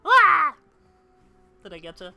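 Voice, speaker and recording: A woman's voice: lowish voice, normal speed, bright, forceful tone, faint music behind. A woman livestreaming a game, chatting casually to her viewers in a playful, cute streamer manner with exclamations. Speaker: livestream host playing an online game. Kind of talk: casual livestream chat with squeals and read-aloud game dialogue.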